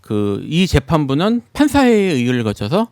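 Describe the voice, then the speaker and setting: A man's voice: on the high side, wildly swooping pitch, moderate pace, darkish tone, no echo, clean studio sound. A man, a lawyer and guest on a live interview show, explaining in detail and often repeating fillers. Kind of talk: live current-affairs interview. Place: broadcast studio.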